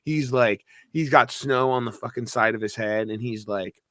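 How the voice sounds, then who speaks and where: Animated young man telling a story. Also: medium pitch, normal speed, dry recording, studio quality. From New Hampshire. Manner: animated, swearing, acts out quotes loudly. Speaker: podcast co-host. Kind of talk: casual storytelling chat.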